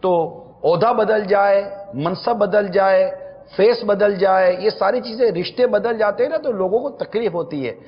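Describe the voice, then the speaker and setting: High-voiced man giving measured religious advice. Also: in a large hall, lo-fi sound. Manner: measured, explanatory, slows for emphasis. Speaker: religious scholar answering questions. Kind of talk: religious advice talk show.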